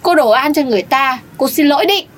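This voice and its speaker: A woman's voice: high voice, animated, fast talker. A woman voicing a feisty, meddling older woman café owner who scolds and bosses others in a comedic audio drama. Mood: scolding. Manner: bossy, scolding, swooping.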